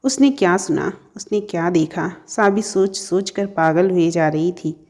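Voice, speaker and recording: Woman storyteller, mellow tone, steady scripted narration. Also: fairly low pitch, measured pace.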